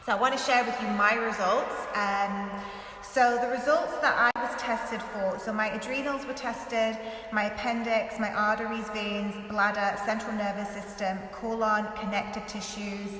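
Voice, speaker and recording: A woman's voice: mid-range voice, fairly even intonation, moderate pace, fairly bright tone. A woman vlogger talking casually and informally to her followers, often saying "like", in a big echoey room. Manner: chatty, informal, frequent "like" as filler. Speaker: health vlogger and author. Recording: big echoey room, distant mic, faint hiss.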